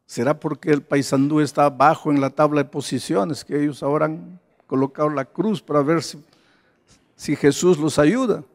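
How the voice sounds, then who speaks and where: Gravelly-voiced male preacher telling stories. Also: on the high side, normal speed. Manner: lively anecdote-telling with acted quotes. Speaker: pastor. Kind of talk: storytelling sermon. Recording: long hall reverb.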